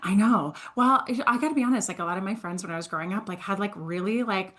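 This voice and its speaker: Here a thirty-something woman from Switzerland talks quickly in a medium-pitched voice. Invited onto a podcast as a sales entrepreneur, she shares her career path in a casual, animated way, joking at her own expense and laughing frequently.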